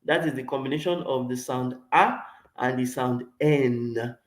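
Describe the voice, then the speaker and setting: A man's voice: medium pitch, takes it slowly. A man teaching French pronunciation. He says each sound several times, asks the class to repeat it, and then explains it in English. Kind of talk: slow, repetitive pronunciation drill. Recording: echoey room.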